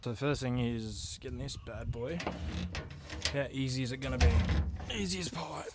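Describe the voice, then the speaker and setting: A man's voice: mid-range voice, steady tone, moderate pace. Slangy, sweary man vlogging, noisy recording. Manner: slangy, sweary, laid-back, says bruv and mate. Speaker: vlogger, amateur motocross racer. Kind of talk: casual vlog chat, talking to camera. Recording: noisy outdoor vlog, engine and vehicle sounds.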